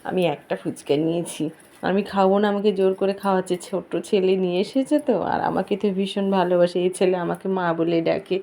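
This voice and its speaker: Young woman vlogger, casual and chatty, lowish and a touch hoarse, phone-filmed at home. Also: fast talker, dark tone. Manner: chatty, addresses viewers directly. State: slightly hoarse. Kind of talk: casual family vlog narration. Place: home, indoors.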